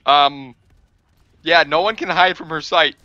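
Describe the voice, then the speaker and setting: A man doing excitable gameplay commentary, swearing freely and breaking into squealing laughs. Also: on the high side, measured pace, no echo, dull audio. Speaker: gaming video creator.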